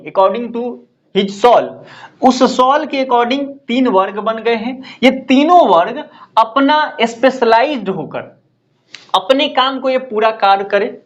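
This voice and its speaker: A man delivers an exam-prep lecture in a fairly high voice. He repeats key terms and checks in with his students often. The sound is dull and lo-fi. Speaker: teacher.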